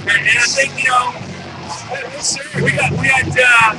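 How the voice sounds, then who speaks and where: Hosting a live webcam stream, a man with a high voice delivers casual post-game sports commentary, blunt and colloquial like a fan. His intonation is fairly even and his pace measured, and music is clearly audible behind him in the low-quality recording.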